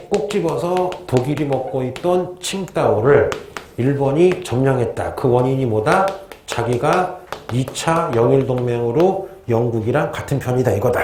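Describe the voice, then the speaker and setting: A man's voice: medium pitch, a little mellow, a little hiss or hum. A male history teacher giving a casual classroom lecture, chatty and joking, with funny asides before he gets into the lesson. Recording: roomy echo.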